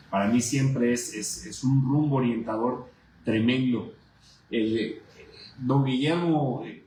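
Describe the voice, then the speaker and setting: A man's voice: mid-range voice, darkish tone. A man talks through his memories, looping back on words as he hunts for them. He sits in a roomy, echoing space with a faint background hiss. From Veracruz, Mexico. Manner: reminiscent, repeats words while searching for them. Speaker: poet and guest. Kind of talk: conversational interview, poetry recital.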